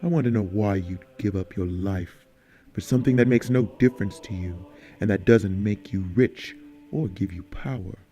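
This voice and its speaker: A man's voice: on the low side, moderate pace, dark tone, faint music behind, voice pushed down, close to an everyday voice. A man voicing a cold, sneering mob enforcer who taunts his captive. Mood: menacing. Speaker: audiobook character.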